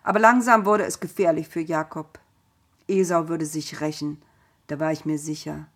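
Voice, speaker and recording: A woman telling a story in the first person, calm and measured. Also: low-pitched.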